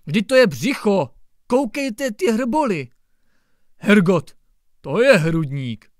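A man voicing an irritable, blustering district judge who barks and scolds, in a lively, raised voice. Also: sits high, dry recording, clean studio sound, voice pushed up. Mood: gruff scrutiny. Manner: barking, scolding outbursts.

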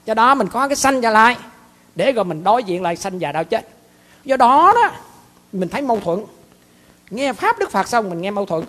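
A man's voice: high voice, big pitch swings, fairly quick, long pauses, a bit bright. A man with a Southern Vietnamese accent, a monk and abbot giving a dharma talk in a folksy, repetitive storytelling way. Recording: long hall reverb.

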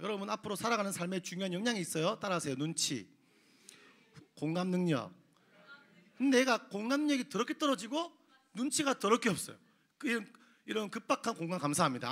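Animated, fast-talking male pastor. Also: high voice. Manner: animated, acts out characters in quoted voices, asks the congregation questions. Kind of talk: lively sermon storytelling. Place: church sanctuary.

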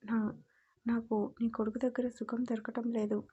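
A woman's voice: on the high side, level tone, moderate pace, dark tone, slightly rough, highs cut off. Woman voicing a defiant, brazen young wife. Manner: blunt and cheeky.

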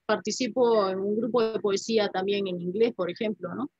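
A woman in her fifties, a poet and writer appearing as a guest, talks thoughtfully over a video call from a room at home hung with paintings, and Spanish is her first language. Her mid-range voice is steady, moderately paced, a little mellow and edged with breath, and she reflects aloud, often closing phrases with "¿no?" The laptop webcam mic gives dull, dry call audio with no room sound.

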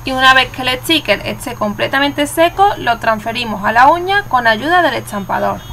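High, gravelly woman narrating a nails tutorial. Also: animated, moderate pace, bright, forceful tone, a little hiss or hum. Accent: Spain Spanish. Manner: instructive, chatty, self-correcting. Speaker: nail art channel host. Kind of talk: voice-over nail art tutorial. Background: faint background music.

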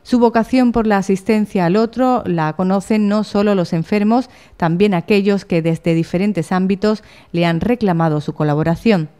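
A woman's voice: mid-range voice, moderate pace, few pauses, dark tone, clean tone. A woman reading scripted news narration as a reporter.

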